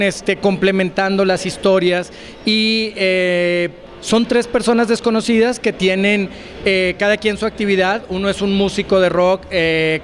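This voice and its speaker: Higher-voiced man in a press interview. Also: slight background noise. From Mexico. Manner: thoughtful, hesitant with fillers. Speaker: actor and co-producer. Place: event press wall, indoors. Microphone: handheld reporter mic.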